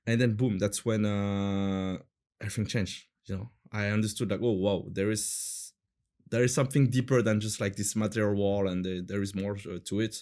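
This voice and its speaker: His voice sits on the low side with a darkish tone, fairly even intonation, and a normal pace. He's a man in his thirties from France, speaking with a French accent as a casual interview guest who hunts for words and uses lots of fillers and restarts.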